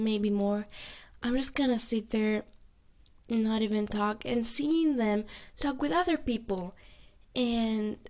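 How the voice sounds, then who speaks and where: A young woman hosting a podcast, crying while she speaks in an emotional, halting and self-deprecating confessional monologue. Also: fairly high pitch. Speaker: podcast host.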